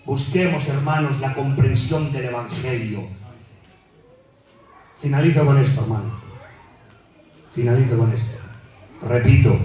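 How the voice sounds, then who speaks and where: Fervent Spanish preacher in an echoing hall. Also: male voice, mid-range voice, a little hiss or hum. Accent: Peninsular Spanish. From Spain. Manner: fervent, rises to near-shouting, repeats "hermanos". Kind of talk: sermon. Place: church hall. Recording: very echoey hall, mic far off, faint music.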